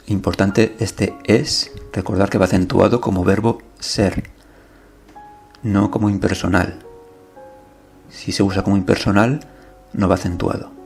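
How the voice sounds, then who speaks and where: Slow gravelly man teaching grammar. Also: on the low side. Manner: slow, methodical reading of verb lists. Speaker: language teacher. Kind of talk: explaining verb conjugations.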